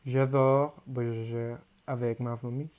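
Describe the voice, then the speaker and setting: Teen guy w mexican spanish accent, spanish is his first language, halting careful school presentation, soft warm voice. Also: mid-range voice, little pitch movement, clear, resonant tone. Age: teens. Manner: careful, halting learner's delivery. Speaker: high school student. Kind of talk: reading a prepared class presentation.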